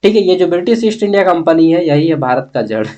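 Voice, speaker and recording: The recording is muffled, but this history teacher's voice comes through a little high and mellow, with big pitch swings and a quick pace. Speaking with an eastern Indian Bihar-Jharkhand accent, he gives an informal exam review, blunt and opinionated, constantly checking with listeners.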